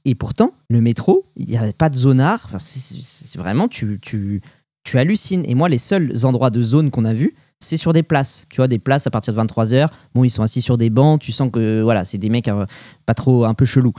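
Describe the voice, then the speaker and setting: Telling travel tales on a casual podcast, a young man from France speaks with a French accent and a little fast, full of slang and filler words. His relaxed, mellow voice sits at middle pitch, recorded close and dry with no room around it.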